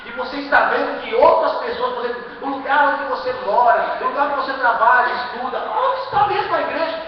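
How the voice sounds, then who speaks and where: A man preaching a sermon as pastor, with a Brazilian Portuguese accent, emphatic, full of rhetorical questions and sudden loud bursts. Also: very high-pitched, fairly quick, muffled recording, a little hiss or hum. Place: church hall. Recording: echoey live-stream from far off in a hall.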